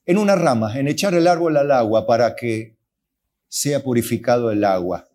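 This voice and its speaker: A pastor with an Argentine Spanish accent preaches a sermon in a medium-pitched, slightly mellow voice at normal speed. He poses questions to the congregation and answers them himself, and he acts out the voices of God and of complaining believers.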